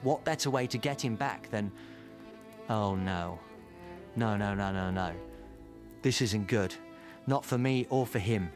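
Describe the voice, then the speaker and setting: A man playing an excitable, eccentric time traveller in a fan audio drama, rambling theatrically to himself. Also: on the low side, unhurried, pauses often, music in the background, lightly acted. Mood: alarmed. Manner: theatrical, rambling self-talk.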